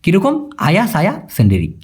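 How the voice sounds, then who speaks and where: A man's voice: fairly high pitch, huge pitch swings, moderate pace, darkish tone, slightly rough. A young Bangladeshi man giving a casual video lesson, chatty, calling viewers brother and checking that they follow. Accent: Bangladeshi Bengali. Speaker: language teacher.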